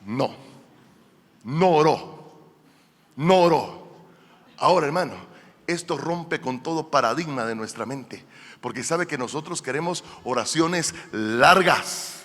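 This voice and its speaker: A fervent male pastor with a high voice preaches in a church, calling out to his congregation. He drops into soft asides, then rises into loud, emphatic calls. A long hall reverb trails after each phrase. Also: animated, slow, long pauses. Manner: fervent preaching, addresses listeners as "hermano". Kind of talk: sermon.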